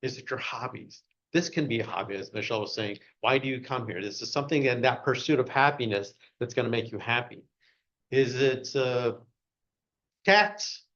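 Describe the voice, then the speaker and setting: A man giving a short speech at a club meeting, asking the audience one question after another and growing loud and excited at times. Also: medium pitch, moderate pace, dull audio. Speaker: club speaker.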